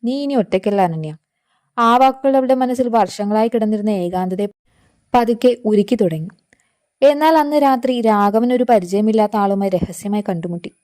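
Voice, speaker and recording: High, mellow-voiced woman storyteller. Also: normal speed. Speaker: narrator. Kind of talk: scripted story narration.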